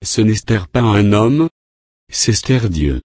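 A man preaching a sermon in a slow, measured way with long pauses. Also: fairly low pitch, lively intonation, a little mellow, no room sound, clean studio sound.

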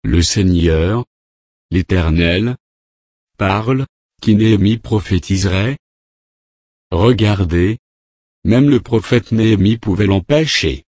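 A man preaching a sermon in a slow, measured way with long pauses. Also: fairly low pitch, darkish tone, no room sound, clean studio sound.

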